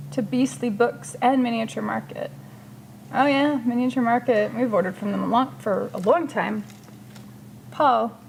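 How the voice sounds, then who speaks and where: A woman's voice: fairly high pitch, creaky, a little hiss or hum. Chatty woman hosting a hobby stream. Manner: chatty, reads out and answers viewer comments. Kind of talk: casual livestream chat while painting.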